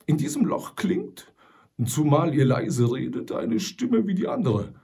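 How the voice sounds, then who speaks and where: A man doing a stubborn, wry old trapper, pitched well above an ordinary male voice and gravelly at the edges. He talks in a quirky old-timer way, tossing in English words, with a lively swing in the line. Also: a little slow, heavily acted. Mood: gruff, suspicious.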